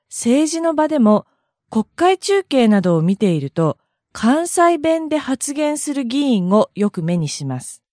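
Lively-pitched woman from Kansai hosting a blog. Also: dry recording, studio quality. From Kansai, Japan. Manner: measured, reads from a prepared script. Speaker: audio blog host. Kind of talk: scripted explanatory narration.

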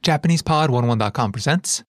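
A man's voice: mid-range voice, normal speed, no room sound, clean studio sound. Man reading a plain podcast promo. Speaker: podcast announcer. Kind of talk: scripted promo read.

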